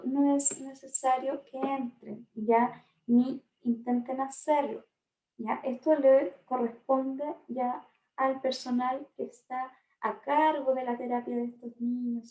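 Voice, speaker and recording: A woman giving a class lecture in a steady, reassuring way, often checking in with her listeners. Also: high voice, measured pace, highs cut off. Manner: steady and reassuring, constantly checking in with tag questions. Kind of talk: recorded online class lecture. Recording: echoey room.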